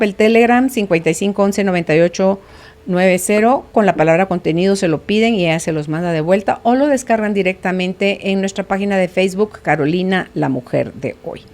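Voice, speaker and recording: A woman's voice: mid-range voice, darkish tone. A woman hosting a radio talk show, chatty and informal, moving between guest talk and listener messages. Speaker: radio podcast host. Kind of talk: casual on-air interview hosting.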